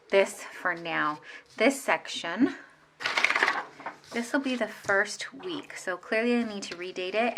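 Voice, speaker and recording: A woman's voice: on the low side, creaky, noisy background. A woman in her thirties chatting casually as she sets up her planner at home, rambling with fillers and restarts. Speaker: planner vlogger. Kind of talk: casual plan-with-me narration.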